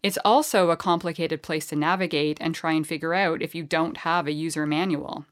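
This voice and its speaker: A woman's voice: deep voice, steady tone, a little fast. A woman who hosts a podcast and trains dogs, introducing and interviewing a guest in an enthusiastic, chatty way. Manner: enthusiastic and chatty, with fillers and restarts. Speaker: podcast host and dog trainer.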